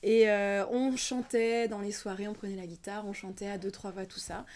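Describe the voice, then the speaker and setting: A woman's voice: medium pitch, fairly even intonation, normal speed, a little mellow. A young adult woman, a singer and singing teacher, talking thoughtfully in an interview, hesitating often and sometimes dropping to a near-whisper. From Ukrainian family background, raised in France. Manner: thoughtful, hesitant with many fillers, drops to near-whisper at times. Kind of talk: casual interview talk.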